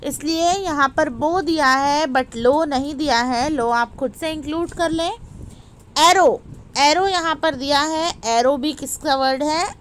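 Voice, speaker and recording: A woman with an Indian accent teaching an English lesson, explaining slowly and asking her students questions, then answering them herself. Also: high voice, a bit bright, slight background noise, poor audio. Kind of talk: classroom lesson in Hindi-English mix.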